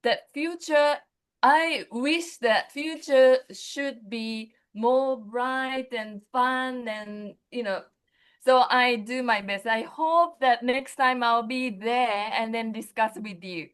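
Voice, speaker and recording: A woman's voice: fairly high pitch, slow pace, clean tone. A woman from Japan, a local assembly member, giving hesitant remarks over a video call and often searching for words.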